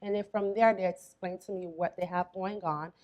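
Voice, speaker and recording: A young adult woman from Florida, a spa owner, chatting as an interview guest in a relaxed, storytelling way. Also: on the low side, normal speed. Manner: relaxed storytelling, quotes her mother. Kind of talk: casual interview talk.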